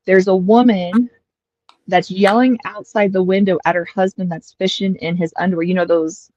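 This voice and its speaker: An American woman in her thirties, chatting casually on a stream and telling childhood stories with animated, acted-out quotes. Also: medium pitch, normal speed. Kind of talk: casual storytelling chat. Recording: dull lo-fi dry mic.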